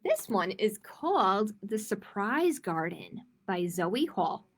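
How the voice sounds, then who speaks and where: With a sing-song voice of medium pitch and a slow pace, an adult woman reads picture books expressively to young children. She is a children's library storytime host working in a live-streamed online session, and she makes casual asides to the audience.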